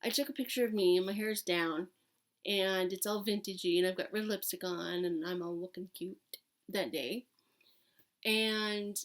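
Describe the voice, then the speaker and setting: Slow-talking woman with a smoker's rasp. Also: mid-range voice. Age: late thirties, almost forty. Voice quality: raspy, like a longtime smoker's rasp. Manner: candid, digressive, emphatic. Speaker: vlogger talking to camera. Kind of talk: casual rambling chat.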